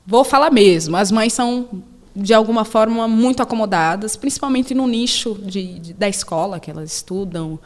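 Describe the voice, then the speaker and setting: Animated mother telling family stories. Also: normal speed. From Brazil. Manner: animated storyteller, acts out her daughters in a high voice. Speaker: podcast host sharing her story. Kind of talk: casual conversational interview.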